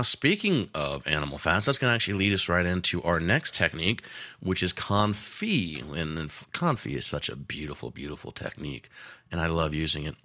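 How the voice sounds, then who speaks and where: Male chef-teacher, deep and forceful tone, casual, filler-heavy delivery with wry asides. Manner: casual, rambling with frequent fillers; joking asides. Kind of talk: cooking lesson.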